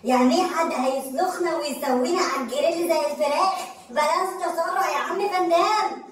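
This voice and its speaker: A man's voice: very high voice, a little fast, a bit bright. A man with an Egyptian Arabic accent playing a timid, anxious friend who keeps pleading, recorded far from the mic in an echoey room. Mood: scared.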